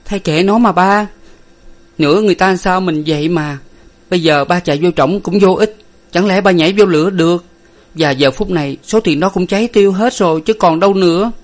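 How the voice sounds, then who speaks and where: A man's voice: sits high, fairly quick, pitched above the performer's own voice, lightly acted. A man voicing a tearful young daughter. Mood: urgent pleading. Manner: pleading, tearful, urgent. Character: distraught young woman, frightened grieving daughter.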